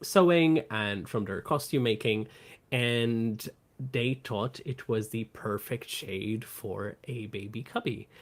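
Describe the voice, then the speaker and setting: A co-host and convention artist, gushing fondly and telling stories in casual podcast chat. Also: medium pitch. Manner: slow, warm-hearted, gushing storyteller.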